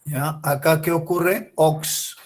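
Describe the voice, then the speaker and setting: Guy teaching chem, kinda high voice, asks stuff then answers it himself, repeats things to drill them in. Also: measured pace. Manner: emphatic, repeats key words. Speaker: chemistry teacher. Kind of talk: recorded class lecture.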